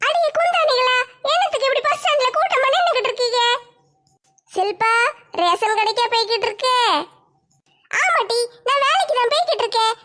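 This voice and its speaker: A woman's voice: very high voice, lively intonation, fairly quick, pauses often, sharp tone, soft background music, full character voice. A woman voicing a bossy, brash woman officer.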